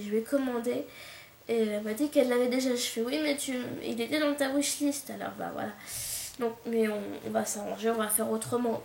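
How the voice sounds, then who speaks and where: A chatty woman with a slightly high voice talks casually through an unboxing, full of fillers and happy outbursts. She is recorded on a camcorder in an echoey room with a faint hiss behind her. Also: creaky. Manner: chatty, many fillers and restarts, excited exclamations. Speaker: book vlogger.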